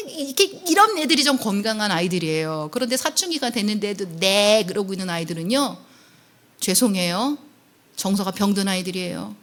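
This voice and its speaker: A woman, a family counselor, giving a church seminar lecture in an animated way, acting out quotes and tossing in questioning tags. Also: on the high side. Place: church service.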